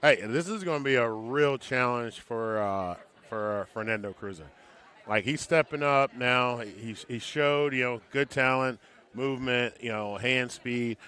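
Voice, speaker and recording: A man doing color commentary at a live boxing event, chatty and laughing, talking in halting bursts with fillers. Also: mid-range voice, sharp tone, clear, resonant tone. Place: music venue boxing event.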